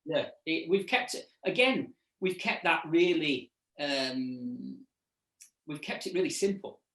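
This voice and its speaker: A middle-aged man, chatting casually as an interview guest and haltingly repeating words as he recalls things. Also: fairly high pitch, a bit bright. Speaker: restaurant owner and chef, interview guest. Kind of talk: casual interview chat, reminiscing. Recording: echoey room, distant mic.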